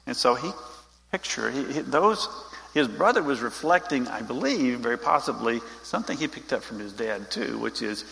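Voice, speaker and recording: A man's voice: mid-range voice, sing-song, normal speed, creaky, a bit bright, big-room sound, poor audio. A man giving an informal Bible teaching, talking straight to his group in a conversational way.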